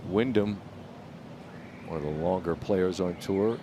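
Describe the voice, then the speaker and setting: A man with a fairly low voice gives live golf commentary as the play-by-play host. He speaks in measured, clipped phrases with understated, wry asides, over clearly audible outdoor noise.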